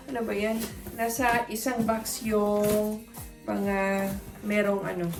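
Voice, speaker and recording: Woman vlogger, unhurried gravelly voice, roomy distant sound with music behind, chatty. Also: mid-range voice, little pitch movement. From Philippines. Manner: chatty, self-deprecating, stumbles over food names. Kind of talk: casual unboxing vlog.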